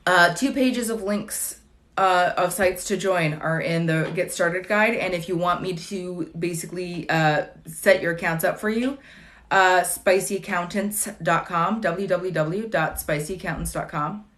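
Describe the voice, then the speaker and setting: In her late thirties, this woman chats casually on a livestream with a fairly low, slightly bright voice at a measured pace. She's wry and digressive, cracking dry jokes and answering viewer questions amid fillers and restarts.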